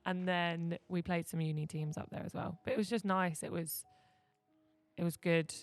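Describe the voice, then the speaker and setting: A woman, a basketball coach, telling stories in a relaxed podcast chat and laughing often. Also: lowish voice, normal speed, soft background music.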